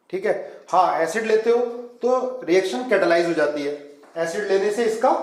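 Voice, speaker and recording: At a whiteboard, a man walks his chemistry students through reaction mechanisms, coaxing them, calling them "beta" and asking them to follow along. His voice sits high with a darkish tone, captured in an echoey room on a rough recording.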